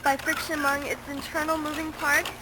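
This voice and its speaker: High-voiced woman reciting on noisy camcorder audio. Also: little pitch movement, a little fast. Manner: recited, formal wording. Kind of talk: scripted narration of a physics explainer. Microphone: camcorder microphone. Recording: amateur camcorder audio with clear background noise. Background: ambient noise.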